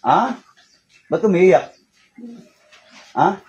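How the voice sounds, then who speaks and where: A man runs a healing session as a faith healer, sternly scolding people and pressing them with repeated questions, over and over demanding "ha?". His voice sits high with lively intonation, drawn-out words, and a darkish tone. The recording is muffled and made in a noisy room.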